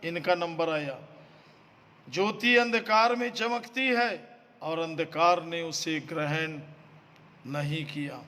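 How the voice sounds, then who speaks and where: High-voiced preacher, unhurried. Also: male voice, bright, forceful tone, long reverb tail. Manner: emphatic, repeats phrases, addresses listeners as beloved. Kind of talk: sermon.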